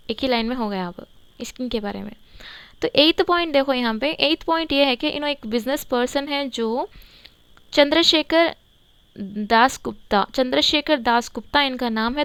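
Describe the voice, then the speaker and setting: A woman teaching a current affairs lesson for exam students. She explains slowly and repeats the key words so that they stick. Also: high voice, a bit bright, clean tone, no echo.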